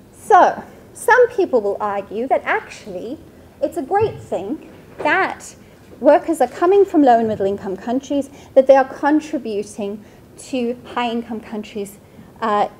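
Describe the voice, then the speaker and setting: In a lecture room, a Swedish woman around her thirties presents a seminar about slides, keeping it conversational and often asking the audience "right?" Her voice is high-pitched and a little mellow, with slight background noise.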